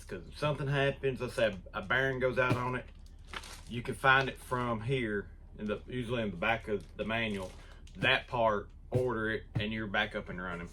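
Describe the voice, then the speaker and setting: A man's voice: mid-range voice, pushed and bright, slight background noise. A man hosting his woodworking channel, talking casually and rambling through an unboxing in his shop. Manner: rambling, self-deprecating, restarts often. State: out of breath.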